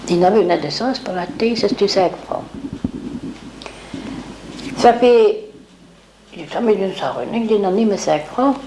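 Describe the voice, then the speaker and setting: A woman's voice: medium pitch, unhurried, pauses often, dark tone, slight background noise. An older woman, reminiscing in a rambling way and acting out what others said. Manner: rambling, acts out quoted speech. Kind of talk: reminiscing oral history.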